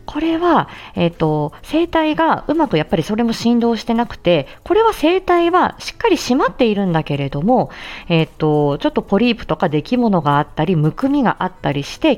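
A woman speech-language therapist gives a casual explainer. Her voice sits fairly low, but her pitch swings widely and animatedly. She talks chattily and often pauses to think mid-sentence. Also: a little mellow.

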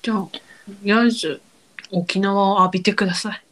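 A woman's voice: medium pitch, fairly even intonation, brisk, a bit bright. A woman co-hosting a podcast in casual chat, listening closely and answering with short, frequent replies. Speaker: podcast co-host.

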